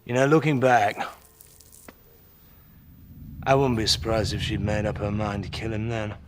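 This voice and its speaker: Actor as a cynical, low-voiced English gentleman. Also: steady tone, normal speed, noisy background, close to an everyday voice. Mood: reflective. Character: cynical, dismissive upper-class English brother. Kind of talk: period television drama acting.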